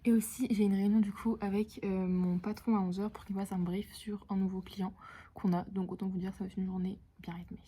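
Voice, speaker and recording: A young woman from France chatting casually to camera in a personal vlog, excited and full of fillers. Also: mid-range voice, brisk. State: just woken up, tired. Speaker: vlogger.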